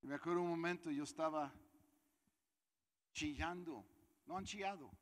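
A man's voice: a little high, moderate pace, big-room sound. A man preaching a sermon, talking conversationally and putting questions to his congregation. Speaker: pastor.

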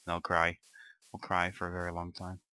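A man's voice: sits low, monotone, brisk, pushed and bright, clear, resonant tone, dry recording. A young man giving rambling, grumbling commentary over his own gameplay, often swearing to himself. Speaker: gamer narrating a let's play.

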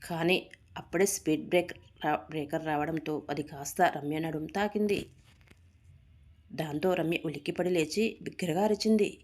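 A woman's voice: sits low, fairly even intonation, normal speed, darkish tone. A woman reading a story aloud, giving the characters' lines small lifts in her voice.

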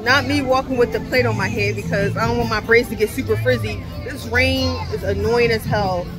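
A woman's voice: a little high, a little fast, over loud music, a loud crowd. A woman in her thirties chatting casually to viewers on a family vlog, talking into a phone at arm's length in a car. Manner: chatty, upbeat, addresses viewers directly. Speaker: family vlogger. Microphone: phone camera held at arm's length.

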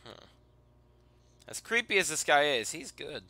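A man giving casual, halting and rambling commentary over a video game as its host. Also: a little high, big pitch swings, pushed and bright, no echo. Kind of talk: casual let's play commentary.

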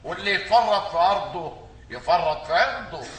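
A man's voice: sits high, lively intonation, brisk, a bit bright, distant mic. An actor with an Egyptian accent playing a naive, stubborn country man in a stage comedy. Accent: Egyptian Arabic. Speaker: comic lead in a stage play. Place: theater stage before a live audience. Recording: echoey theater stage.

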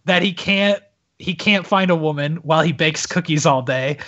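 A man's voice: on the high side, moderate pace, a bit bright, highs cut off. A man co-hosting a casual podcast, ranting with sarcastic exaggeration. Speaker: podcast co-host. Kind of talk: casual chat.

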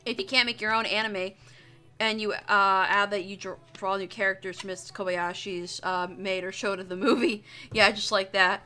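This streamer and artist, a young woman, sketches as she chats in a loose, joking way, swearing freely. She speaks at a moderate pace in a mid-range voice that sounds pushed and bright, with fairly even intonation.

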